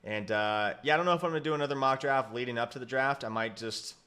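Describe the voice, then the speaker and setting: A man's voice: mid-range voice, fast, sharp tone. A young man with hiccups giving casual, rambling commentary on a football mock draft, often correcting himself. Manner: rambling, self-correcting, lots of fillers. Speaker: sports YouTuber.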